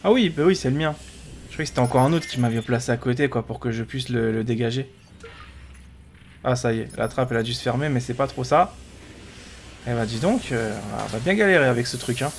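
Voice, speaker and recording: A male gaming host gives casual running commentary in a medium-pitched voice. He chats away as if thinking aloud to himself. There is light background noise behind him. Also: brisk, pauses often. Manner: chatty, talking to himself.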